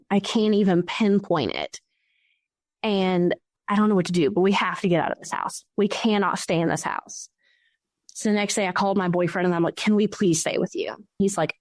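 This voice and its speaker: A woman guest recounting her own haunting experience, animated and acting out what people said. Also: mid-range voice, no echo, clean studio sound. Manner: animated storyteller who acts out quoted speech. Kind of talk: recounting a personal ghost story.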